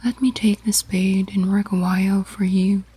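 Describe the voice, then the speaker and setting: A woman voicing an earnest, weary male king seeking wisdom, in a soft whisper. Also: mid-range voice, little pitch movement, moderate pace, husky. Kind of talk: ASMR story reading.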